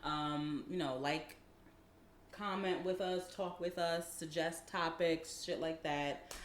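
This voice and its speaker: A woman's voice: deep voice, steady tone, slow, a little hiss or hum. A woman co-hosting a podcast in casual chat, blunt and profane, laughing often. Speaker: podcast co-host. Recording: echoey room.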